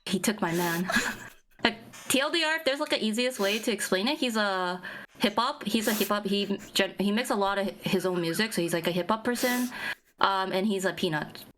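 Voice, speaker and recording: A woman's voice: medium pitch, a little fast, fairly bright tone, a little hiss or hum. A young woman streamer in casual chat with friends, explaining at length with lots of fillers and restarts. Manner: rambling, many fillers and restarts.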